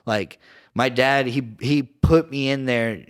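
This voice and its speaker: A man's voice: medium pitch, slow pace, smooth. A man from Southern California, a podcast guest, telling casual stories in a rambling, slangy way with lots of fillers and restarts. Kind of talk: casual storytelling.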